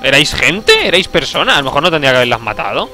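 With game music behind him, a young streamer talks quickly in a fairly high voice with big pitch swings. He's chatty and joking as he plays, muttering to himself and bursting out now and then.

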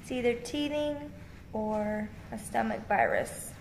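A woman in her thirties with a high voice chats casually to her camera. She is informal and expressive and takes her time. There is clear noise around her. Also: slow. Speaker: family vlogger. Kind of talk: casual vlog chat. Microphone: phone or camera at arm's length.

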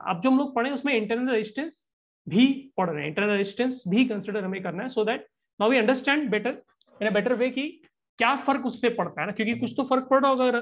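A physics teacher giving a live online class, explaining in a relaxed conversational way and often checking in with the students. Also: medium pitch, narrow, tinny audio.

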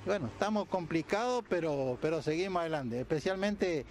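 An Argentine man in his sixties answers a news interviewer in a somewhat high voice. He speaks off the cuff through a face mask into a reporter's handheld mic. The recording is made outdoors, with faint ambient noise behind him. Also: lively intonation, moderate pace, darkish tone. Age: 60s. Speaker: interviewee, head of a rural producers' society. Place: outdoors beside a building.

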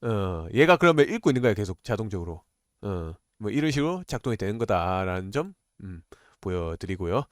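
Animated man streaming, blunt and excitable. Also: fairly low pitch, a little fast, dry recording, clean studio sound. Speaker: live streamer. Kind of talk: casual livestream chat with viewers.

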